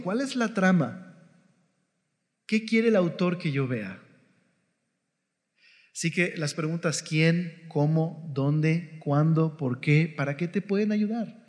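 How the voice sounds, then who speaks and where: A man's voice: high-pitched, darkish tone. Man teaching the Bible in a reverberant hall. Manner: conversational, keeps checking in with the listener.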